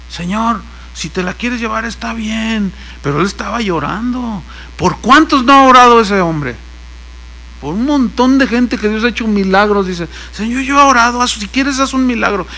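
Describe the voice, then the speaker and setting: High bright gravelly Mexican pastor. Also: male voice. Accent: Mexican Spanish. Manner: storytelling, acts out dialogue, joking asides. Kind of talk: sermon with anecdotes.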